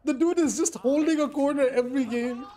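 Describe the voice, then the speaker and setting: A woman's voice: high voice, fairly quick, very noisy. A woman streaming a video game, chatting casually with her teammate, teasing and laughing often. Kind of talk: casual gaming chat.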